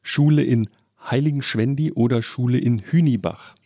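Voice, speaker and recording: A man hosting a podcast, firing quick either-or questions at a guest in a playful, brisk way. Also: mid-range voice, mellow, no echo, studio quality. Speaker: podcast host.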